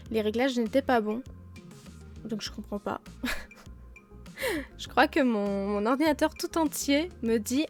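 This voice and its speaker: A let's play host with a cold, blocked nose and sore throat chats about her game in a fairly high voice. She pokes fun at herself and fills her sentences with lots of hesitations, while faint music plays underneath.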